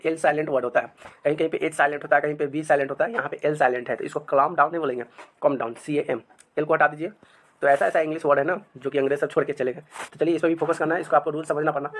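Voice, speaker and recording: Man, a patient teacher who drills each sentence slowly. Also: fairly high pitch, fairly even intonation, a bit bright, slight background noise. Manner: says each English sentence very slowly, then repeats it. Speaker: English teacher. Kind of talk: spoken English lesson.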